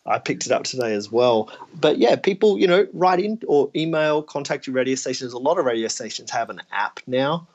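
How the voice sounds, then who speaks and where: A man speaks as a podcast host in a casual, conversational way. His voice sits at an average pitch for a man, and he talks informally, as if chatting with friends. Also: animated, a little fast, hardly any pauses, muffled recording. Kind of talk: casual chat.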